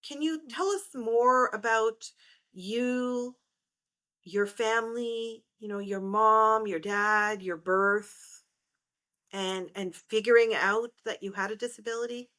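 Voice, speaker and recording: Slow, bright-voiced woman podcast host. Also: on the high side, fairly even intonation. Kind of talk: interview.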